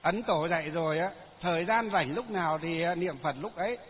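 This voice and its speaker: A man's voice: on the high side, brisk. A man, a Buddhist monk giving a folksy Dharma talk full of anecdotes and fillers. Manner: folksy, chatty storytelling with frequent fillers. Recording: tinny phone-like sound in a long-reverb hall.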